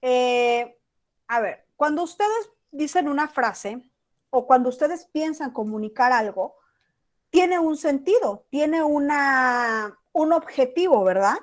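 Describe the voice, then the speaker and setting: High-voiced Mexican teacher lecturing online. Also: female voice, expressive, slow pace. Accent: Mexican Spanish. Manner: conversational, acts out example text messages.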